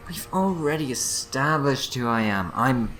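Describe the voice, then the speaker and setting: A man's voice: mid-range voice, lively intonation, measured pace, a bit bright. A man playing a sly, fussy, meddling schemer in a fan audio drama, with a wheedling, theatrical manner. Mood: peeved. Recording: echoey room, music behind.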